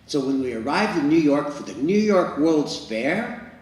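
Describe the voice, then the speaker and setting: A man's voice: a little high, very animated, unhurried, darkish tone. A man in his sixties, an improv performer, telling a chatty anecdote and acting out the quotes. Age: 60s. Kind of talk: storytelling monologue. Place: improv venue. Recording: echoey room, mic far off, faint noise.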